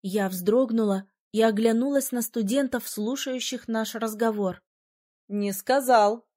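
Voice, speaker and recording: A woman reading first-person fantasy narration in an even, expressive storytelling manner. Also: on the high side, unhurried. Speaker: audiobook narrator.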